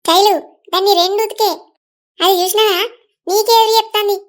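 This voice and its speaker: A woman's voice: very high-pitched, steady tone, brisk. A woman voicing a bossy village mother-in-law who scolds and gives orders. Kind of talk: cartoon voice acting.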